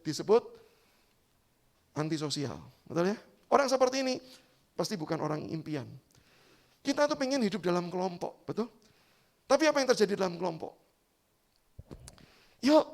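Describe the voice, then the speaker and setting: A man's voice: high-pitched, gravelly. A man preaching a youth sermon in church, telling stories and asking the audience questions. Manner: lively storytelling, asks the audience questions. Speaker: youth pastor.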